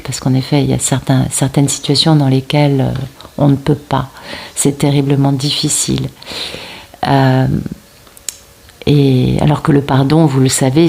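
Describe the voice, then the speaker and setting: A woman with a French accent giving a casual tarot reading, often pausing to find her words and talking straight to her viewers. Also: rumbling low, a little mellow. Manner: searching for words, many fillers and restarts; addresses viewers directly, seeking agreement. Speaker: tarot card reader.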